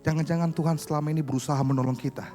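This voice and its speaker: A man preaching a sermon as pastor, telling stories in an animated way and often calling out to the congregation. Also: fairly high pitch, very fast, soft background music.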